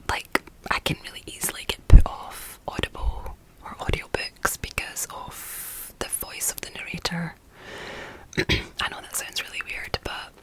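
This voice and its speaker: A woman talks in a gentle, voiceless whisper, relaxed and casual, hosting an ASMR session where she chats and reads about books. The audio quality is poor.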